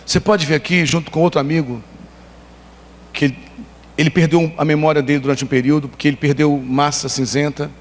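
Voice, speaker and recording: A Brazilian-accented man preaching a sermon in a church, telling stories with emphatic, animated emotion. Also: a little high, a little fast. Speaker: pastor. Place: church hall. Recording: long church hall reverb.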